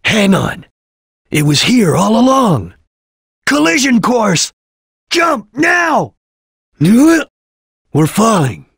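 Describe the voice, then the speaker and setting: Gravelly, solemn ninja chameleon. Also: male voice, sits high, big pitch swings, very slow, pauses often, a bit bright, no echo, raised voice, clean studio sound, heavily acted. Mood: intense battle cries. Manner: solemn, formal, clipped declarations. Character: stern, disciplined male ninja chameleon, solemn and proud. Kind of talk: video game character voice acting.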